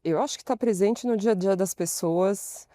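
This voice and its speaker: Expressive Brazilian woman telling stories. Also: mid-range voice, moderate pace, dry recording. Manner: expressive storyteller, acts out quoted dialogue. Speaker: podcast guest, consultant. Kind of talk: storytelling interview conversation.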